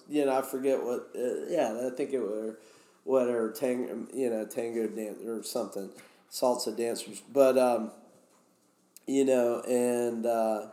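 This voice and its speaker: A man's voice: mid-range voice, a little slow, warm tone. A man guest telling stories in a casual, rambling way. He often restarts his sentences. The room has a roomy echo. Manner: rambling, many fillers and restarts. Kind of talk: casual storytelling.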